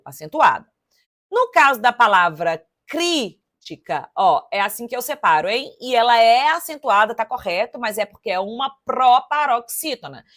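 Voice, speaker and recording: A woman teaching for an exam, working through test questions aloud in a lively, chatty way and speaking straight to her students. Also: on the high side. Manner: lively and chatty, addressing students directly, counting syllables aloud. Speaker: Portuguese teacher.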